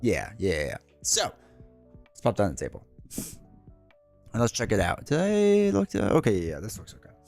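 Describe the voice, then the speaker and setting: A congested man with a cold rambles casually on a live stream while setting up a board game, drifting between asides and filling gaps with ums and uhs. His fairly low, very lively voice swoops wildly in pitch at a moderate pace with long pauses. Soft music plays faintly underneath.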